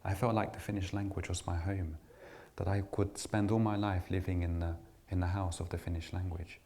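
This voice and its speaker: A middle-aged man from England, invited to address an audience, gives a personal, reflective talk full of restarts and fillers. His voice sits low and steady, fairly quick and dark in tone, with a little background noise.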